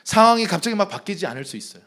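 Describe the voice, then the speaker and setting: A male pastor delivers a sermon in a church with a high, bright-sitting voice. His pitch leaps and dips constantly as he presses each point. He preaches emphatically and calls the congregation to read along with him. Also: very animated, very fast. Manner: emphatic preacher, leads congregation in reading aloud. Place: church sanctuary.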